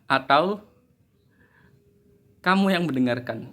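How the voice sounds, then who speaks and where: A man's voice: a little high, lively intonation, slow pace, fairly bright tone. A man, teaching a casual English lesson, chatty and joking at his own expense. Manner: chatty, joking, laughs at himself.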